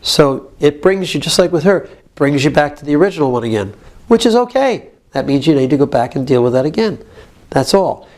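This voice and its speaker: A man's voice: on the high side, expressive, brisk, darkish tone. A man leading a support group, guiding members directively and checking often that they follow. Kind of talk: therapeutic coaching.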